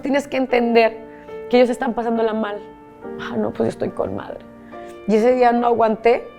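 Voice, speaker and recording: A woman's voice: on the high side, a little mellow. A woman from Monterrey with a Mexican accent, a guest telling her life story candidly, repeating herself and swearing casually. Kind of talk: emotional personal storytelling.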